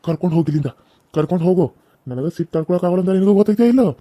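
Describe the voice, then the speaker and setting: A man voicing a hot-tempered village husband, scolding gruffly. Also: high-pitched, very fast, mellow, no room sound. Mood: angry.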